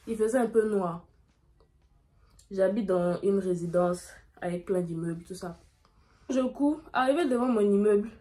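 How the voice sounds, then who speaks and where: A young woman, telling a dramatic story in a lively way while doing her makeup. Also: mid-range voice. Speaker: beauty vlogger.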